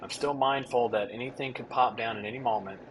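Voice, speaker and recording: A man's voice: medium pitch, steady tone, fast, slight background noise, low-quality recording. A man giving a casual, explanatory voice-over as a storm chaser narrating his own footage.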